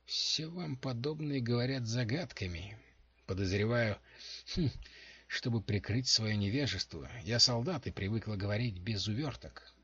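A man's voice: medium pitch, moderate pace, fairly bright tone, husky. A man reading aloud, voicing a blunt, stubborn female general who speaks curtly, heard in a dull lo-fi recording. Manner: blunt, curt.

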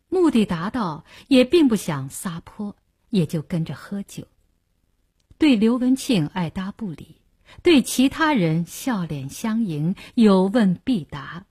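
A woman reading a novel aloud for radio in a measured storytelling manner. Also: mid-range voice, warm tone, breathy edge. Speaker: audiobook narrator.

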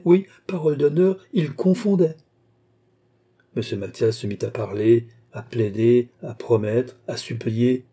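A man narrating a short story aloud in a measured storytelling manner. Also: mid-range voice, mellow, husky. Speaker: audiobook reader. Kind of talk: scripted narration.

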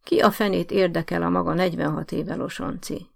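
A woman's voice: on the low side, steady tone, vocal fry. A woman reading an audiobook, voicing a rude male official who talks in a curt, mocking, condescending way. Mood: contemptuous.

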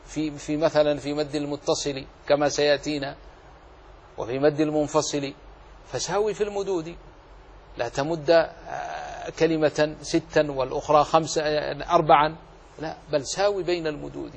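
A man teaching as a sheikh, explaining a classical poem on recitation rules line by line, deliberate and repeating key phrases for emphasis. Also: on the high side, gravelly, slight background noise. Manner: demonstrates recitation between explanations.

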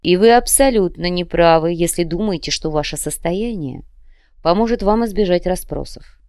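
A woman's voice: lowish voice, normal speed, darkish tone, clear, resonant tone, dry recording, clean studio sound, close to an everyday voice. A woman voicing a polite but menacing male demon commissar who threatens in a cold, courteous way. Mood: cold menace. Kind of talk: audiobook character reading.

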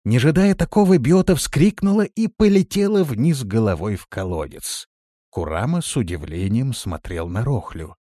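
A man reading an audiobook as narrator, with expressive delivery. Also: mid-range voice, moderate pace, no echo, studio quality. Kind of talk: scripted narration.

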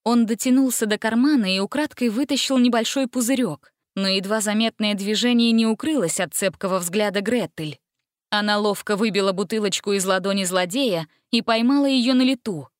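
A woman storyteller narrating a children's adventure with a lively, even-paced reading. Her voice sits at an ordinary middle pitch and sounds dry and close, with no room around it. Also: fairly quick, no echo.

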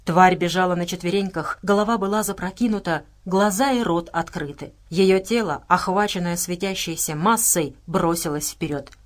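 A woman narrating a horror adventure audiobook with a steady, dramatic reading. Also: lowish voice, moderate pace, hardly any pauses.

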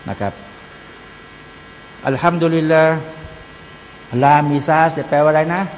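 His pitch is fairly high and his intonation lively, though he talks a little slowly. In this Quran commentary the Islamic preacher chants Arabic verses, explains them simply and speaks to his brothers and sisters, recorded with long hall reverb and a faint mains hum.

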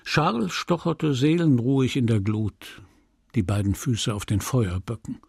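A man narrating a classic novel with a gravelly, husky voice, measured and expressive. The studio recording is close and dry, with no room sound. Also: mid-range voice, no room sound. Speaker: audiobook narrator. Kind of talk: literary audiobook reading.

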